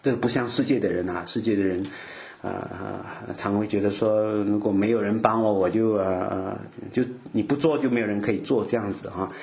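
A man's voice: fairly low pitch, steady tone, fairly quick, gravelly, a little mellow. A middle-aged man preaching a sermon, often stumbling over repeated words and checking in with his listeners. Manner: repeats words, frequent 'ah' fillers, asks listeners OK.

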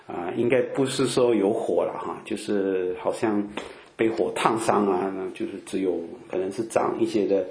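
A man preaching in a relaxed, conversational way, filling his talk with drawn-out "ah" sounds and rhetorical questions. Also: lowish voice, reverberant. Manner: chatty, peppers speech with drawn-out "ah" fillers and rhetorical questions. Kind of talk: conversational Bible teaching.

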